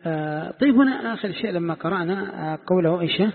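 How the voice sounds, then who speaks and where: Brief: male sheikh, lesson delivery, slightly high voice, quizzing students, echoey lo-fi hall. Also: animated, creaky, husky. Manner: quizzes students and repeats key points slowly. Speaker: sheikh teaching Quran commentary. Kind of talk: classroom lesson. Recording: echoey hall, tinny phone-like sound.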